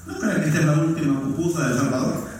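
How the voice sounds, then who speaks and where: Male pastor preaching, kinda high voice, jokes with the crowd, echoey hall, sounds far from the mic. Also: expressive, quick pace, darkish tone, slight background noise. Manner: joking with the congregation. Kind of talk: sermon. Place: church hall.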